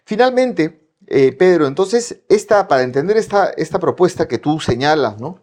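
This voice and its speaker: A man's voice: fairly high pitch, expressive, normal speed, darkish tone. A man hosting a political discussion, conversational, agreeing with his guest and summing up his points. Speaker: host.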